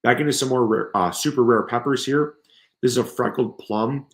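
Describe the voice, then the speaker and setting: Gravelly, enthusiastic male seed-show host. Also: mid-range voice, moderate pace, reverberant. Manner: enthusiastic, gushing. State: strained, tired voice from coughing. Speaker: gardening channel host. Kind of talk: live stream product showcase.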